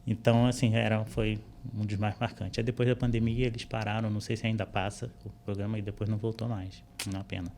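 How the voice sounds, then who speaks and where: A man speaking Brazilian Portuguese, a guest interpreter on a podcast, explaining things in a relaxed way with frequent fillers, recorded on a studio microphone. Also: lowish voice, quick pace, gravelly, few pauses, slight background noise. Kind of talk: casual interview chat. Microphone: studio microphone with headphones.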